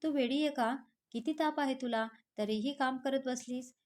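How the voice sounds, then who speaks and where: A woman's voice: high-pitched, normal speed, a little mellow, natural voice. A woman voicing a young man who teases a colleague and then scolds her out of concern. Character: young man, teasing but caring colleague.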